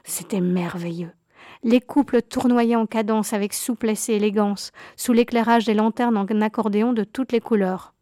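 A woman narrating a childhood memoir story in a calm, measured reading voice. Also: medium pitch, no echo, studio quality.

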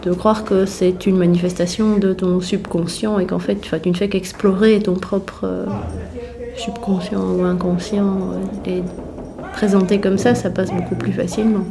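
A woman's voice: mid-range voice, little pitch movement, moderate pace, vocal fry, a crowd in the background. A woman explaining her beliefs earnestly, with some hesitation. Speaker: interviewee. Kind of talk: personal testimony.

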